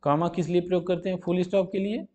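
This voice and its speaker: A male teacher going through multiple-choice questions, reading the English slowly and explaining it in Hindi with rhetorical questions. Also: high voice, steady tone, a little mellow, highs cut off. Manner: asks rhetorical questions and answers them. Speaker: ITI teacher.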